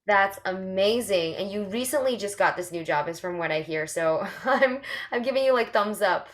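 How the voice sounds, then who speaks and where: Over video call, a woman from Canada casually welcomes participants to her online sharing circle with upbeat encouragement. She speaks at normal speed in an animated, medium-pitched voice.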